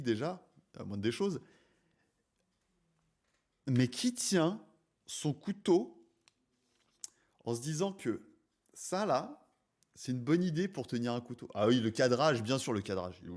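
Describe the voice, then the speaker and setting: A man's voice: mid-range voice, a little mellow. A man hosting his channel, giving playful, mocking commentary on a cooking video. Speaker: video reaction host. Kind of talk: casual reaction commentary.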